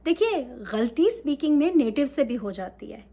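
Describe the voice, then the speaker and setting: A woman's voice: high-pitched, very animated, normal speed, warm tone. A woman teaching English in a casual talk, mixing Urdu and English and often checking in with her listeners.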